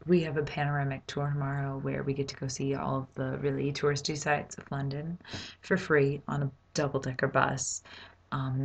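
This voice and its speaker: Young american woman vlogging, really low creaky voice, rambly and informal, kinda stop and start. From United States. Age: young adult. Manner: rambling, halting, informal with swearing. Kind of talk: casual vlog chat.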